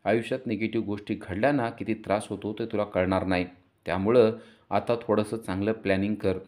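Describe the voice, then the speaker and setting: A man putting on a tense, scheming mother, sharp and scornful, snapping at her daughter in the narrator's own low voice. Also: fairly even intonation, fairly quick, lightly acted. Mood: scolding. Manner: sharp, dismissive, scolding. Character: scheming, scolding middle-aged mother.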